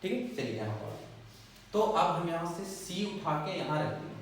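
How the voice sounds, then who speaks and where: A man's voice: fairly high pitch, sing-song, moderate pace. A man teaching a step-by-step lesson at a board, repeating syllables and often checking that students follow. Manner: repetitive, drilling syllables, checking with listeners. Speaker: Japanese teacher. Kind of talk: whiteboard lesson explaining step by step. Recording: echoey room, far from mic, faint noise.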